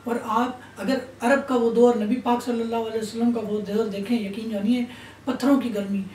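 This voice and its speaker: A woman's voice: a little high, steady tone, a little mellow, a little hiss or hum. A woman giving an Islamic sermon in a stern, admonishing tone. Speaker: religious speaker. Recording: roomy echo, distant mic.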